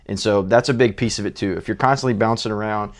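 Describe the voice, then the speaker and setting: A man who coaches high school basketball, answering interview questions in an earnest way. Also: fairly even intonation, quick pace. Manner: earnest, lots of fillers and restarts.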